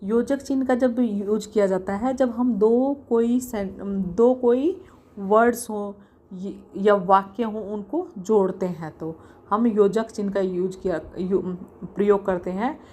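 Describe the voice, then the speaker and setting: A young woman teaching a casual grammar lesson, often repeating examples slowly and asking herself questions as she explains. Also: mid-range voice, a little mellow.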